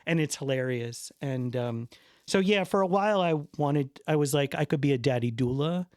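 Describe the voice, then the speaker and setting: A man's voice: medium pitch, normal speed, a little mellow, no echo, studio quality. A man in his thirties, a podcast guest, telling candid, profane, self-deprecating stories about fatherhood in casual conversation. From Miami.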